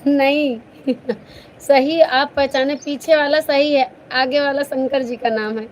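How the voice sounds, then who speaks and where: A woman's voice: sits high, fairly even intonation, slow pace, a little hiss or hum, low-quality recording. A woman hosting a casual live stream, chatting playfully with viewers and teasing them with laughter.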